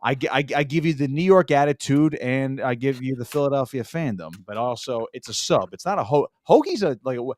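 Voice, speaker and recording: A man's voice: mid-range voice, expressive, brisk, hardly any pauses, darkish tone. A man from South Jersey with a New Jersey accent, hosting a sports talk show, talking emphatically and often stumbling over repeated words. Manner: emphatic, stammers and repeats himself.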